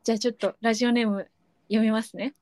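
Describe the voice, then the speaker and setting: A woman's voice: fairly high pitch, level tone, darkish tone, no room sound. Giggly woman co-hosting a podcast. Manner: giggly, playful, quick to laugh. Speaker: podcast co-host. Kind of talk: casual chat.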